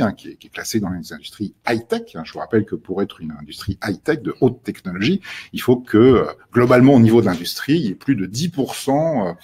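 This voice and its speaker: A man's voice: medium pitch, a little mellow, breathy edge. A man, a strategy professor, explaining business ideas in a webinar with many hesitations and restarts. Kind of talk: webinar lecture.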